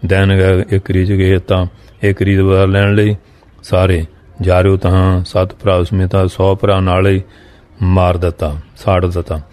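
A low-voiced man leads a religious discourse, chanting a line of old verse and then explaining it in everyday speech. His delivery stays in a narrow, flat band of pitch. He speaks straight to his listeners as a preacher. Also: a little slow. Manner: recites old verse lines, then glosses each in plain speech; addresses listeners directly. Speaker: Sikh katha preacher. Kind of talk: scripture exposition, reciting verse then explaining.

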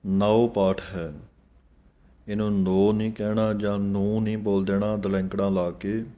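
Recitation teacher, male, low-pitched, unhurried and methodical, chants lines then breaks down pronunciation. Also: flat delivery, mellow. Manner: slow, measured, chants lines then explains each word. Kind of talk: slow pronunciation lesson on scripture.

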